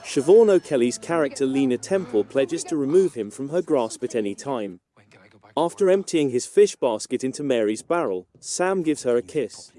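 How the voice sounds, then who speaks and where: A man reading a scripted TV episode recap in a steady, even manner. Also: medium pitch, normal speed. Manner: steady, even read-through of plot events.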